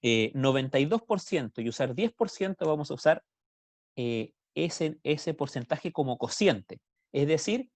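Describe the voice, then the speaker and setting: A man's voice: a little high, expressive, a little slow, no room sound. Chilean man teaching math online. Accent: Chilean Spanish. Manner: explains step by step, asks students questions. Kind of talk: online class lecture.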